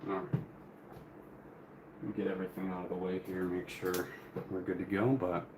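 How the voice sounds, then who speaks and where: Low-voiced man rambling over crinkly noise. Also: completely flat delivery, unhurried. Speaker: live stream host. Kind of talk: casual unscripted live stream commentary while building. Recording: clear noise, crinkling plastic and paper. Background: crinkling bags and paper rustle.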